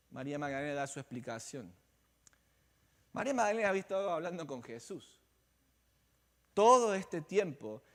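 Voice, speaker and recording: A man pastor delivering an Easter sermon as dramatic storytelling, swinging between loud passages and hushed ones. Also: sits high. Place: church sanctuary. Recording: long church-hall reverb.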